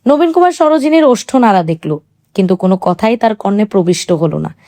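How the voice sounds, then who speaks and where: A woman narrating a literary novel as an audiobook, in a calm, even storytelling manner. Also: mid-range voice, fairly quick, no echo.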